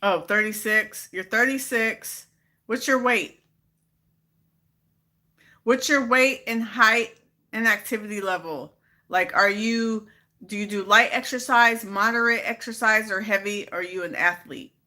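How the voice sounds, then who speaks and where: A woman's voice: mid-range voice, unhurried, bright, forceful tone. A woman hosting a casual live stream, chatting with viewers and growing exasperated as she repeats her questions. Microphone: phone.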